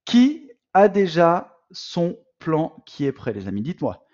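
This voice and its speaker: A man's voice: fairly high pitch, unhurried, highs cut off. A man coaching would-be entrepreneurs in a live online masterclass, talking to the audience as friends, with lots of fillers and restarts. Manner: animated, addresses audience as "les amis", many fillers. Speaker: business coach.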